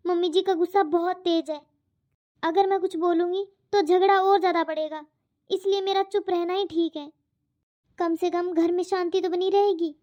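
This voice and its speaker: A patient, submissive young daughter-in-law in a cartoon, voiced by a woman, polite and pleading in a very high voice. The audio is dull. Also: warm tone. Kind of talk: cartoon voice acting.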